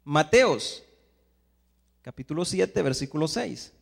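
A man from El Salvador with a Salvadoran Spanish accent, preaching a sermon, swinging between hushed asides and loud emphatic Bible readings. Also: on the high side, sing-song, takes it slowly, creaky, in a large hall.

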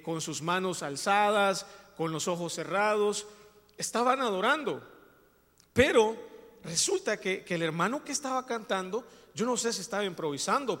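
A man with a notably high voice delivers a sermon. He tells personal anecdotes in a conversational way and then presses his points with emphatic preaching. His voice carries a long hall reverb. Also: fairly bright tone. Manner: storytelling, rising to emphatic preaching.

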